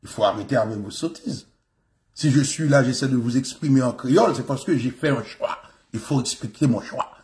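A pompous politician, put on by a man, speaks in a lowered, self-important voice, haughty and defensive in a comedy bit. His delivery insists and lectures. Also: close to an everyday voice. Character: pompous male politician boasting of refined French.

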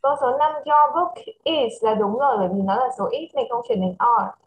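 A woman with a Vietnamese accent teaching English to a child over a video call, switching between English and Vietnamese and reading English phrases slowly. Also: on the high side, rough recording. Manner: mixes English and Vietnamese, slow careful English. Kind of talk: online English lesson for a child.

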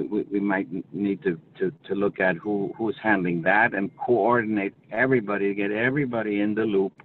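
An older man speaking over the phone in an unscripted webinar discussion, explaining at length with many restarts. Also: sits low. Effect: heard over the phone. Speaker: industry representative in a webinar. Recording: tinny phone line, faint noise.

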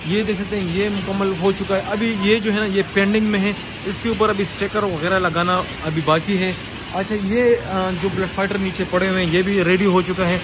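In this casual factory walkthrough vlog, a chatty, high-voiced man with a Pakistani Urdu accent tours an indoor workshop with machines, filming on a handheld phone. He points at things and repeatedly says "you can see," with background noise throughout.

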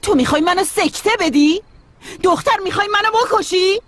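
A woman's voice: very high voice, dry recording. An actress dubbing a worried middle-aged mother who scolds and pleads with her daughter, in a TV drama dub. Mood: scolding. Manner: scolding, then soothing.

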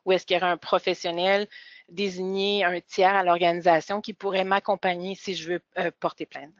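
A woman presents a webinar, measured and full of hesitations. Her voice sits a little low and comes through dull, lo-fi and very dry. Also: flat delivery, no room sound.

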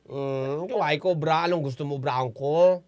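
A man's voice: fairly high pitch, unhurried, very noisy. A man hosting a call-in radio show, teasing callers and laughing often. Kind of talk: playful call-in radio banter. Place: radio studio.

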